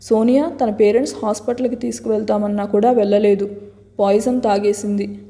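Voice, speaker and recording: A woman's voice: mid-range voice, steady tone, dark tone, lightly acted. A woman voicing a cornered young man who answers his family hesitantly. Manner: hesitant, halting. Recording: long hall reverb.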